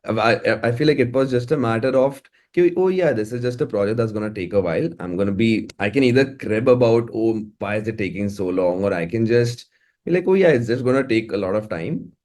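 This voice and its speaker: Speaking fairly low and a little fast, this man has lively intonation and a darkish tone. He's a musician and music producer with an Indian accent, chatting informally as an interview guest and often restarting or repeating phrases.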